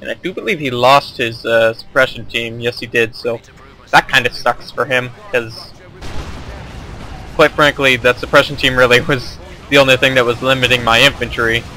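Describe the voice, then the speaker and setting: A man's voice: medium pitch, steady tone, moderate pace, sharp tone, poor audio. A young man casually commentating his own strategy game replay, rambling and correcting himself as he goes. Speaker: gameplay commentator.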